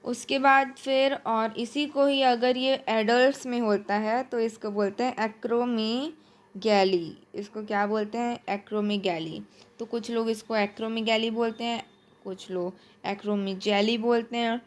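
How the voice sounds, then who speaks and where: A woman teacher with a Chhattisgarh accent walks her students through exam notes. Her voice sits a little high, and she reads each point at an unhurried pace. Between points she asks herself a quick question, answers it, and checks in with "ठीक है". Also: fairly even intonation. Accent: Chhattisgarh, India. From India. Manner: reads English notes slowly, then explains quickly in Hindi. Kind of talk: exam-prep lecture.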